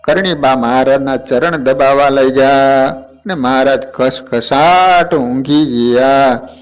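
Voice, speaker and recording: A man's voice: mid-range voice, slow pace, smooth. A man narrating a devotional story as preacher, speaking to his listeners as devotees. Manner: addresses listeners as devotees, does character voices.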